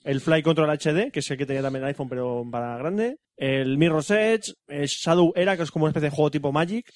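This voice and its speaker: A man chats quickly and casually on a tech podcast. His voice is a little high, and his tone stays relaxed. The recording is dry and close. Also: no echo. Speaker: podcast co-host.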